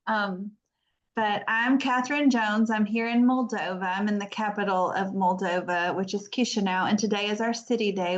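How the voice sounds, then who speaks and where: An American woman in her fifties giving an informal online talk from home as a guest speaker, chatty and self-deprecating. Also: mid-range voice. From United States. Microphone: video call. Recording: dull lo-fi video call audio.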